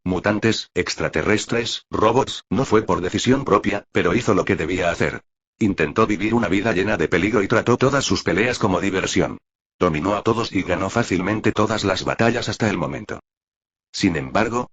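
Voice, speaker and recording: Deep husky male audiobook narrator. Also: a bit bright, lo-fi sound.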